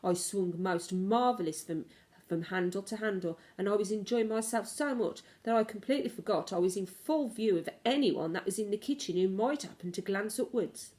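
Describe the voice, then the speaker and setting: A woman reads a children's story aloud the way a teacher would, narrating expressively with dramatic, varied emphasis. Her voice is medium in pitch and her pace moderate.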